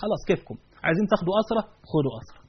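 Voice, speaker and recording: A man's voice: sits high, expressive, very fast, breathy edge. A man with an Egyptian Arabic accent giving a religious lesson, speaking emphatically and asking his listeners rhetorical questions. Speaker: preacher. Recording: dull lo-fi recording.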